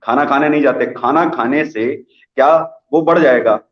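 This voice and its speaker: Brief: male news interviewer, mid-pitched, pushes rhetorical questions, roomy dull broadcast sound. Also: normal speed. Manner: argumentative, long rhetorical questions. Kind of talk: opinionated live TV interview.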